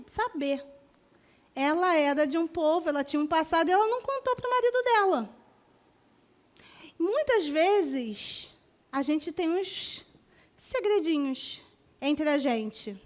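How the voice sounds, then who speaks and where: A woman pastor from Brazil preaching a sermon to a women's congregation, acting out quoted voices in an animated way. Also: extremely high pitch.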